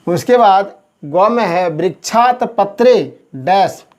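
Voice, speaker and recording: A man's voice: high voice, expressive, slow pace. A man teaching a school lesson to children, patiently explaining each word and repeating the answers. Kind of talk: classroom lesson.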